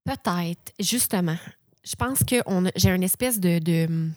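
A woman in her late twenties with a Québécois accent, chatting quickly on a talk-show panel with many restarts. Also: on the low side, darkish tone, no echo, clean studio sound. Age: late 20s. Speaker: panel guest. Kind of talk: casual talk-show chat.

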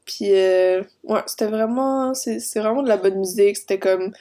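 A woman's voice: medium pitch, normal speed, warm tone. A young woman with a Quebec French accent, co-hosting a casual podcast chat full of slang and laughter. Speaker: podcast co-host.

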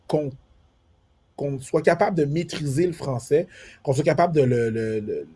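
A man's voice: a little high, normal speed, breathy edge. A man with a Quebec French accent touched by Haitian Creole, chatting casually, repeating himself and restarting as he talks. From Quebec, Montreal area. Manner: repeats words and restarts often, animated; switches into English accents when telling stories. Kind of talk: casual conversation.

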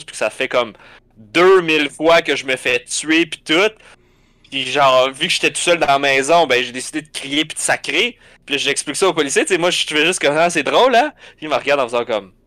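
A man with a Québécois accent telling an animated story in casual chat, swearing often and acting out the scenes. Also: mid-range voice, dry recording. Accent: Québécois French.

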